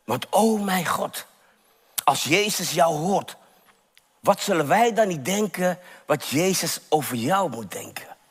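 A man preaching voices a group of anxious disciples who urgently hush someone. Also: fairly high pitch, animated, slow, breathy edge, full character voice. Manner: urgent, hushing. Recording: reverberant hall.

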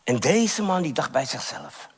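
Slow dramatic male preacher in echoing hall. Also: fairly high pitch, sing-song, breathy edge. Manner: dramatic, emphatic repetition. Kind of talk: sermon. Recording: reverberant church hall.

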